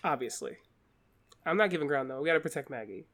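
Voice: mid-range voice, animated, fast talker, a bit bright. A player in a tabletop game, talking casually and swearing, and narrating what their character does.

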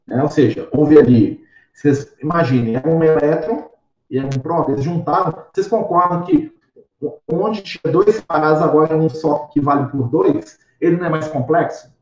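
A man's voice: on the high side, lively intonation, normal speed, darkish tone. A man leading a spiritist study group, teaching in a conversational way and checking in with frequent tag questions. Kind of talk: teaching talk. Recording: roomy, distant, dull sound.

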